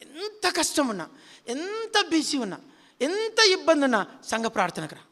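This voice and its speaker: A man's voice: extremely high pitch, very animated, moderate pace, sharp tone, big-room sound. A male pastor preaching a sermon in a dramatic way, calling out to his congregation and acting out wailing. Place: prayer house hall.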